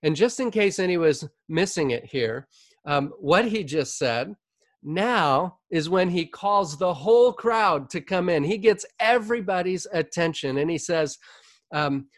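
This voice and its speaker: A man's voice: sits high, lively intonation, unhurried, dry recording, clean studio sound. A male pastor giving a sermon as conversational storytelling, often checking in with "right?".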